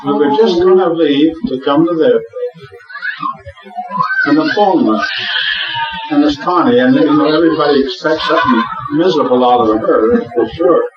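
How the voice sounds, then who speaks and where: An older man with a slightly high voice tells stories casually among friends in a folksy, repetitive way. He is caught on a hidden recorder, distant and echoey, with loud chatter around him. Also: moderate pace, long pauses, lo-fi sound. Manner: folksy, repeats himself, salty exclamations. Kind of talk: casual chat, telling anecdotes. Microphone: concealed, away from the mouth.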